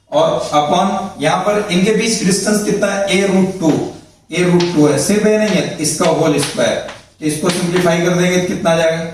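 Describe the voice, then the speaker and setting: A man's voice: a little high, a little hiss or hum. A man teaching physics in a lecture, explaining step by step and often checking that students follow. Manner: explains step by step, repeats points, checks with "thik hai". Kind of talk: classroom lecture at a board. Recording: very echoey room, mic far off.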